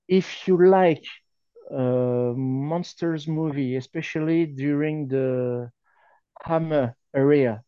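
A man with a clear French accent chats casually as a podcast guest, unhurried and smooth-voiced. He is a native French speaker with hesitant, non-native phrasing. The recording is close and dry but a little muffled. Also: fairly high pitch, warm tone, dry recording.

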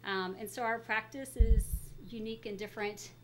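A woman's voice: a little high, steady tone, normal speed, a bit bright, a little hiss or hum, poor audio. Chatty woman talking through a face mask. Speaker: guest pediatrician. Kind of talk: casual interview, telling career story. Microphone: speaking through a face mask.

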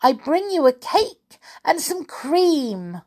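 A woman's voice: sits high, very animated, slow pace, a little mellow, voice pushed up, heavily acted. A woman voicing a sweet, innocent little girl in a storybook tale, with exclaiming, wide-eyed wondering delivery. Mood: bright, hurried.

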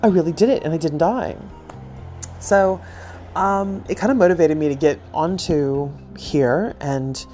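Chatty, self-deprecating woman, slightly low voice. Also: warm tone. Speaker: podcast host. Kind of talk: casual personal storytelling.

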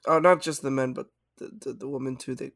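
A man's voice: mid-range voice, fairly even intonation, a little fast, vocal fry, a bit bright, no echo, clean studio sound. A man hosting a podcast in casual chat, hesitant and full of fillers. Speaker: podcast host.

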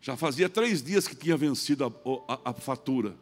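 A middle-aged pastor with a Brazilian Portuguese accent preaching a sermon, telling a personal story and acting out both sides of the dialogue. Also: male voice, medium pitch, animated, moderate pace. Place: church.

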